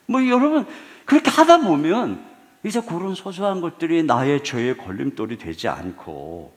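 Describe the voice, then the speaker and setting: A middle-aged man preaches from the pulpit in a fairly high, very lively voice. His pitch leaps between loud, bright bursts and quiet, low asides. A long church reverb trails after every phrase. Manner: animated storytelling, shifting between loud bursts and hushed low lines. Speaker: pastor. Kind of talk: sermon. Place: large church sanctuary.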